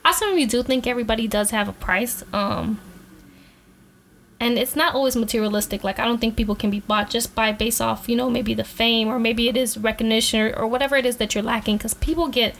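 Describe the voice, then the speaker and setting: Woman co-host, relaxed slang-heavy delivery, upper-range pitch. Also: a little fast, vocal fry, slight background noise. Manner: slangy, laid-back, laughs often. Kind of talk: casual podcast chat.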